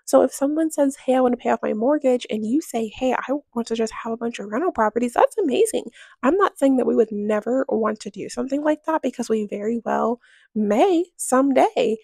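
A woman's voice: fairly high pitch, lively intonation, fairly quick, vocal fry, dark tone, husky, dry recording. A young woman in casual voice-over chat about her home and money, candid and emphatic, often firing off rhetorical questions. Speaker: home vlogger. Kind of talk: voice-over chat while cleaning.

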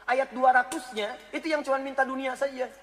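Male preacher with a high voice, animated and joking, talking directly to the audience, sound trailing in a long reverb. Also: brisk, faint music behind. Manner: joking, animated storyteller addressing listeners directly. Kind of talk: radio sermon with anecdotes.

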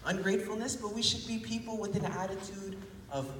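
A young man's high-sitting, brisk voice, hoarse with illness, carries a relaxed, conversational sermon that rises for emphasis before a congregation in a small church hall. Captured by a phone in the pews, the audio is echoey and distant with slight background noise.

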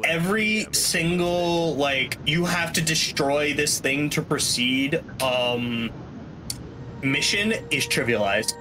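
A man with a fairly high-pitched voice speaks slowly as the runner in a video game speedrun, offering casual, rambling, wry commentary. He's indoors in a small room at home, and game soundtrack music plays behind his voice along with background noise.

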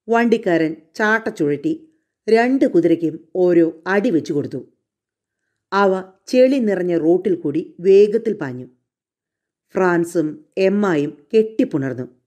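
Slow dark-toned woman storyteller. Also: lowish voice. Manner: measured, dramatic reading. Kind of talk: suspense story narration.

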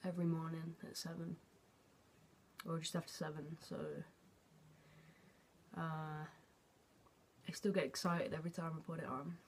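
A young man recording a casual video diary at home, halting and hesitant, often trailing off into a near-whisper at the ends of his phrases. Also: a little high, level tone, a little hiss or hum. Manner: hesitant, halting, with many fillers and restarts. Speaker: vlogger. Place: at home, indoors.

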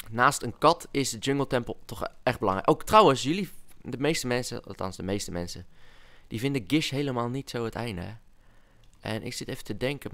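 Young male gamer, mid-pitched, chatty and excitable, coaxing whispers. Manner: excitable, chatty, whispers and coaxes to game animals. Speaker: gaming YouTuber. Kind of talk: casual Let's Play commentary.

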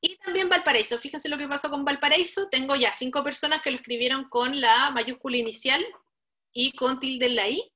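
A woman's voice: high-pitched, fairly quick, bright, forceful tone. A woman leading an online coding workshop, patiently explaining each step and speaking straight to the learners. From Chile. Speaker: workshop instructor. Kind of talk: live online coding tutorial.

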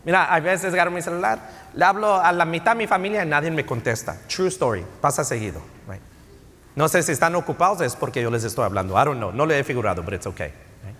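A middle-aged pastor preaches a bilingual sermon in a church sanctuary, switching between Spanish and English and often adding tag questions. His voice is a little high and fairly bright, lively and quick, with long church-hall reverb.

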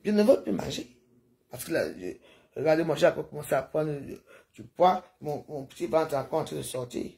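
Gravelly older woman rambling on a livestream. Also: low voice, animated, fairly quick, mellow. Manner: chatty, digressive, with sound-effect noises. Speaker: livestreamer talking to viewers. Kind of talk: rambling casual livestream monologue.

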